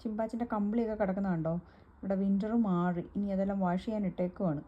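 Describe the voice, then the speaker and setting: A woman's voice: medium pitch, steady tone, quick pace, dull audio. A woman filming her pet dog, chatting casually to it and to viewers in a sing-song baby-talk way.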